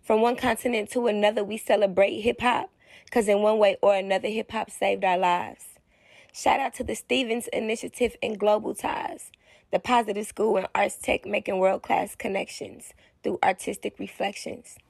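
Gravelly woman doing a rhymey spoken word rap, real dry. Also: medium pitch, steady tone, normal speed, darkish tone, no echo. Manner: rhythmic, rhyming delivery.

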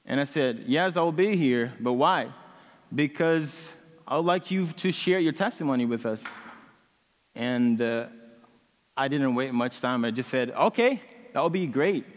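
In a big church hall, a Brazilian student in his twenties talks through a headset mic, offering his testimony to the congregation. His native language is Portuguese; his mid-range voice is animated yet earnest, with halting phrasing and many fillers.

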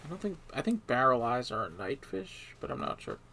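A man streams a video game and mutters dry, sarcastic complaints at it, mostly to himself. His voice is gravelly and swings widely in pitch. Faint keyboard typing sits behind him. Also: huge pitch swings, a little fast, pushed and bright, a little hiss or hum. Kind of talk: casual gameplay commentary.

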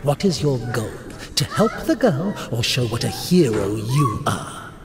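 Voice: mid-range voice, sing-song, unhurried, music in the background. An actor voicing a mocking devil who talks inside a young nun's head, in a video game. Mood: taunting. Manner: sneering, taunting. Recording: game audio with background noise.

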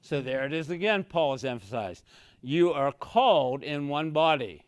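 Here an older male Bible teacher, his voice a little high and expressive at a normal speed with no room sound, gives an expository lesson in a small church room. He's emphatic, repeats key phrases like "so very clearly," uses both hands to gesture, and keeps wandering off the podium mic.

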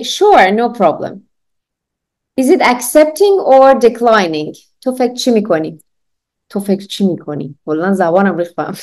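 A woman teaching an online English lesson, drilling phrases for repetition, slowing down to model them clearly and laughing often. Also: medium pitch, a little mellow.

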